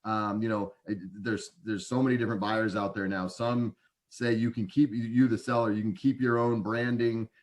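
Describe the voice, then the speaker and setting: A man in his forties, a guest consultant, talking casually in an interview with frequent restarts and quick acted-out client quotes. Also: fairly low pitch, little pitch movement. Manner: chatty, many restarts, acts out clients' voices. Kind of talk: conversational podcast interview.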